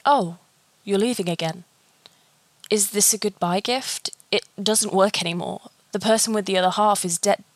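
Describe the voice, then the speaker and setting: Weary jailed man, hoarse and halting, as a woman reads him, dry close sound. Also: mid-range voice, no room sound, close to an everyday voice. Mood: grieving. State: hoarse with emotion. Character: weary imprisoned grown man, grieving and bitter.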